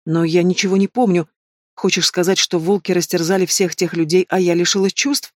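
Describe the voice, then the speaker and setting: A man putting on a young noblewoman in an audiobook, high and passionate, pleading and flaring up in defiance. The voice sits fairly high, close and dry. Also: flat delivery, a little fast, no room sound, natural voice. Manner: pleading, emotional outbursts.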